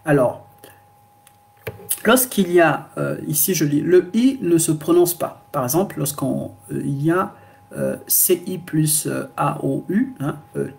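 A man gives a classroom lesson in a slightly raised voice with a gravelly edge. He talks at a slow, deliberate pace. He keeps repeating himself and fills the gaps with hesitant sounds. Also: fairly high pitch, a little mellow. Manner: slow, repetitive explaining with frequent fillers. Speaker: language teacher.

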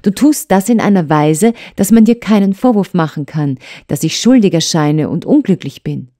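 A woman voicing a hurt young wife who pleads and reproaches her husband with urgency, in a mellow tone. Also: lowish voice, a little slow. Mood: reproachful.

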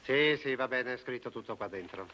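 An actor playing a dignified male cardinal who speaks in a slow, measured way, in a film comedy. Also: medium pitch, pushed and bright, close to an everyday voice. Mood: solemn.

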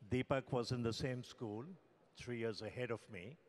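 An older man from India, a physician on a panel, telling a story in a measured, dramatic way in a large event hall. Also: medium pitch. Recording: long hall reverb.

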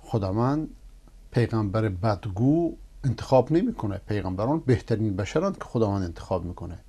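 A man's voice: fairly low pitch, expressive. A man hosting a religious TV program, reading viewers' messages and preaching emphatically. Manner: emphatic, rising to forceful denunciation. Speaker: preacher and TV host. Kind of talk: religious TV talk answering viewers.

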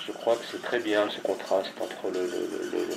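A man's voice: deep voice, fairly even intonation, moderate pace, gravelly. A man giving spontaneous comments as an interviewee, hesitant, with many fillers and restarts. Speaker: interviewee speaking about a chapel. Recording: noisy background ambience.

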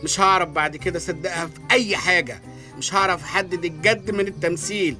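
A man with an Egyptian Arabic accent playing a jealous, excitable young husband in a comic radio drama, indignant and quick. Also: high voice, faint music behind. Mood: fed up. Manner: indignant, rapid complaints.

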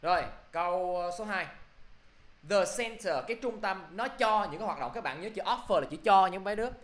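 A man's voice: high voice, fairly quick, a bit bright. Male teacher in an echoey classroom. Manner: quizzing students, repeating "được chưa?". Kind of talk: classroom English review lesson.

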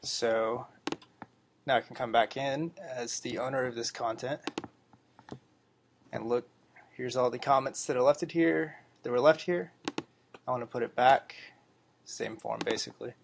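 Gravelly-voiced man presenting casually. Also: mid-range voice, a little slow, pauses often, a little hiss or hum. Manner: relaxed, lots of uh fillers. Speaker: meetup presenter. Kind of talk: casual tech demo talk. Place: meeting room.

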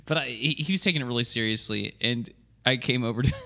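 Man, 30s, podcast co-host, casual chat, bright tone, rambling, laughs a lot. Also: medium pitch, fast talker, creaky. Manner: rambling storyteller who laughs often mid-sentence.

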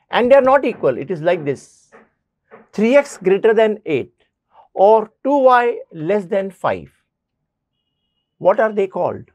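A male math teacher explains a lesson to his students. He repeats each point and speaks to them directly, with an animated pitch that swings up and down. The recording is dry and close. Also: no echo.

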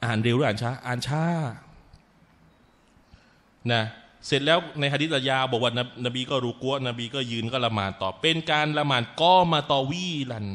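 Man giving a storytelling religious lecture. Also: mid-range voice. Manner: addresses the audience as brothers and sisters, lively retelling with Arabic phrases.

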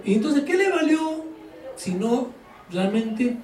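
A male pastor preaching a sermon to his congregation, animated and joking, firing rhetorical questions at them. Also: very high voice, slow, noisy background. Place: church hall. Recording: echoey hall, voice from far off.

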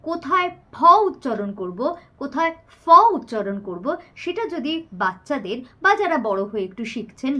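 A woman recitation teacher giving a spoken lesson on pronunciation, carefully demonstrating sounds one at a time. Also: sits high. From Bengal.

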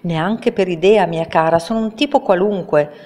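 A woman's voice: lowish voice, normal speed, warm tone, natural voice. A woman voicing a little bald old man posing as a great wizard, stammering and pleading. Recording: reverberant room.

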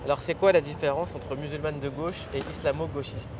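A man hosting a talk show, introducing segments and leading an interview with lively questions. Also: on the high side, brisk, noisy background. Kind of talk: studio interview.

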